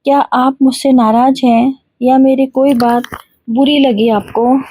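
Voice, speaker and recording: A woman's voice: sits high, steady tone, unhurried, mellow. A woman voicing a young, caring daughter-in-law who speaks politely and a little hesitantly, in a storybook reading.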